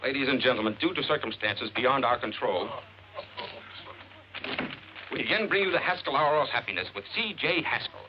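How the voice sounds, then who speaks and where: Actor as a brisk on-air announcer, lively and formal; hissy vintage soundtrack. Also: male voice, mid-range voice, natural voice. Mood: announcing. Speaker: radio announcer. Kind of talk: 1940s radio announcing. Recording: muffled old film radio, with hiss.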